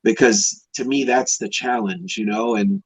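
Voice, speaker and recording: A man in his fifties from Hawaii, a classic car restorer, rambles casually through personal stories as a podcast guest. His voice sits on the low side with a breathy edge, and he speaks unhurriedly with no echo. The audio comes through a dull, dry lo-fi connection.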